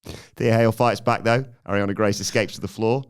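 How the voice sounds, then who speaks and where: A man's voice: lowish voice, steady tone, a little fast, clear, resonant tone. A man co-hosting a podcast, giving a dry, sarcastic play-by-play recap in casual chat. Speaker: podcast co-host recapping the show.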